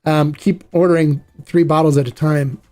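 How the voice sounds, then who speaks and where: A man's voice: on the high side, steady tone, normal speed, a little mellow. A man hosting a podcast, chatting in a rambling, enthusiastic and playful way. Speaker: podcast host. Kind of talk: casual chat.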